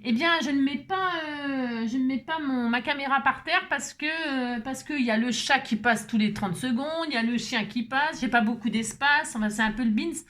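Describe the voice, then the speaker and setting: Her voice sits high and a bit bright, moving at normal speed with hardly any pauses. Filming a crafting video on a table-mounted camera at home, she chats rambly with viewers and throws in frequent asides.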